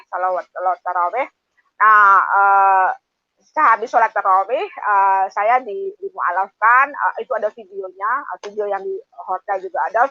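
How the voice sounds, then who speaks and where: A woman in her fifties from Padang, Indonesia, telling her personal testimony in an animated way, full of hesitant fillers. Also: on the high side, no room sound, muffled recording. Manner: animated, acts out quoted voices, many hesitant fillers. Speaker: testimony speaker.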